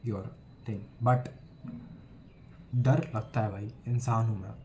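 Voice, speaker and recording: A man's voice: on the low side, steady tone, takes it slowly, vocal fry, warm tone, a little hiss or hum. An 18-year-old man with an Indian accent, talking earnestly to camera in a casual vlog, recovering from a cold. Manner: earnest, mixing Hindi and English. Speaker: student vlogger.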